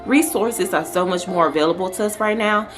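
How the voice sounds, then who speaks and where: A woman's voice: medium pitch, a little fast. A woman, talking casually to camera in a sit-down vlog, with plenty of fillers and restarts. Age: 30s. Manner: talkative, conversational, with frequent fillers and restarts. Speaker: vlogger. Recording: music playing in the background.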